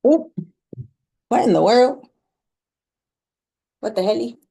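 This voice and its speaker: This tarot reader sounds a little high but dark-toned, with lively intonation, vocal fry and a breathy edge, speaking slowly. Her collective reading is relaxed and slangy, full of "like" and punctuated by laughter at her own comments.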